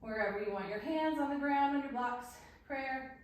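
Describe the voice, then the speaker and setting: A woman's voice: sits high, moderate pace, highs cut off. A woman teaching yoga as she moves through it, giving short cues timed to her breath and a little out of breath. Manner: short breath-paced cues, laughs at herself. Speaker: yoga instructor. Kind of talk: cueing a yoga flow while doing it. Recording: very echoey room.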